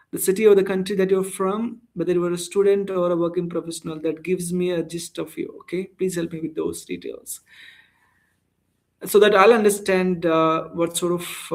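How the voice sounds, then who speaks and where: A man's voice: high-pitched, a little mellow. A young man from India with an Indian English accent, chatting casually with viewers as an English-speaking coach on a live stream and reading their comments aloud.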